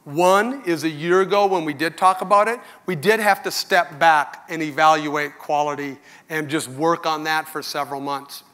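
A middle-aged man speaks from a big conference stage through a headset mic. His voice sits somewhat high for a man. He talks in an earnest, conversational way, frank with his audience of customers. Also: moderate pace, few pauses, fairly bright tone. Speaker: company executive giving keynote. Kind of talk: conference keynote speech.

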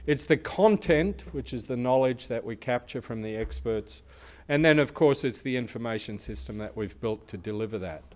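A research institute speaker with a big, loud, mid-range voice gives a conference presentation at normal speed. He is expressive, explaining points and putting questions to the audience.

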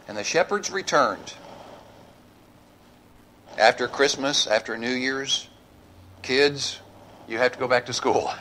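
Middle-aged man pastor, unhurried sermon delivery, mid-range voice, faint room noise behind. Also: medium pitch, low-quality recording. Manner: preaching with rising emphasis, then a hushed altar call. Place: church sanctuary.

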